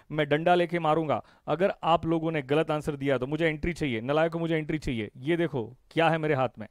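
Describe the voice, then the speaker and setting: A man's voice: fairly high pitch, no echo, clean studio sound. A male commerce teacher with an Indian English accent giving a live online revision lecture. He teases students by name, drills terms by repeating them, and answers his own questions. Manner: repeats key phrases in call-and-response drills; mixes Hindi with English terms.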